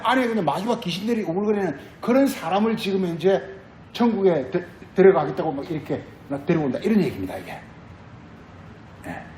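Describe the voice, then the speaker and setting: A man's voice: high voice, dark tone, echoey room, slight background noise, poor audio. A male pastor giving a sermon, repeating phrases and asking the congregation questions. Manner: repetitive, asks the congregation questions.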